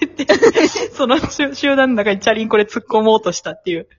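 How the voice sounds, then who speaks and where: A woman with a Kansai accent hosting a casual comedy radio talk, reading listener letters and telling stories in an animated way. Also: a little high, fast, slightly rough. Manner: reads listener letters, animated storytelling with mimicry. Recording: dull lo-fi recording.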